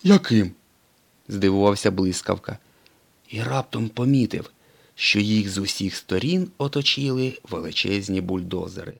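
A man reading a children's storybook aloud in an expressive, dramatic way. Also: on the low side, normal speed, gravelly. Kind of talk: storybook narration.

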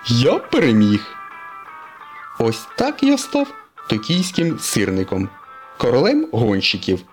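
A man voicing a cheerful, boastful male tow truck in a read-aloud storybook, shouting with excitement. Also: medium pitch, a little slow, faint music behind, voice pushed up. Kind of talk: storybook reading.

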